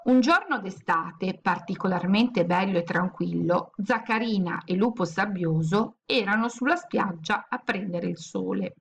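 A woman reading a children's book aloud, telling the story gently and expressively. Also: medium pitch, a little slow, vocal fry, few pauses. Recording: dull lo-fi recording, faint hiss.

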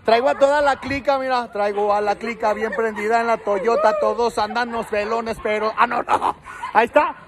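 A man with a Mexican accent hosting a street vlog, joking, teasing and shouting to people outdoors at night. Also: extremely high pitch, moderate pace. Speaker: street prankster host. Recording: busy street with crowd chatter. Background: crowd chatter.

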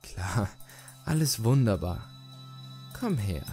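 A man's voice: fairly low pitch, big pitch swings, takes it slowly, mellow, soft background music, heavily acted. A man voicing a vain, arrogant young female fashion model in a horror story reading, speaking in a haughty, condescending way. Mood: falsely calm.

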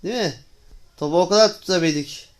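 A man's voice: high voice, fast. A young man hosting a gaming channel, giving casual commentary on his play, exclaiming in frustration and talking to viewers as friends.

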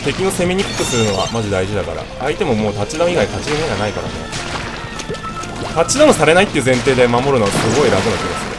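A man giving casual, animated live commentary on a video game, talking to himself as he plays. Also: mid-range voice, racing, loud music behind the voice. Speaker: gameplay commentator.

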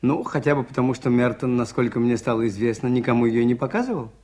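A man's voice: medium pitch, quick pace, a little mellow, natural voice. Father Brown, mild priest detective played by a man. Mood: probing, polite. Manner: polite, questioning. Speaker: radio drama actor. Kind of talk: 1980s Soviet radio theatre acting.

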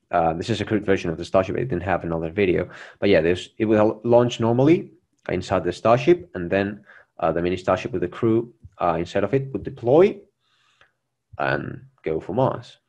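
A man's voice: low-pitched, a little mellow. A young man presenting his own plan over a video call, answering questions earnestly with many fillers and restarts. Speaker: presenter of a Mars mission plan. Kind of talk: conference Q&A answers.

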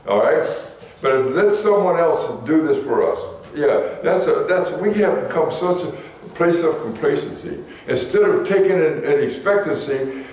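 Pastor guy telling stories from the pulpit, goes up high when he gets fired up, sounds far off in a big echoey church. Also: a little mellow, a little hiss or hum. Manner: folksy storytelling, voice climbing high when stirred. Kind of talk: sermon. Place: church sanctuary.

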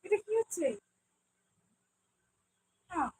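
This young woman from Medinipur, West Bengal, India, hosts a cooking channel and speaks slowly in a darkish tone, with a little hiss or hum in the audio. Chatting casually on a livestream, she reads out viewer comments and addresses each viewer by name.

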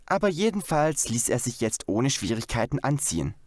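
A man's voice: mid-range voice, big pitch swings, moderate pace, darkish tone, dry recording, studio quality. A man reading a children's audiobook aloud as scripted narration, telling the story expressively. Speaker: audiobook reader.

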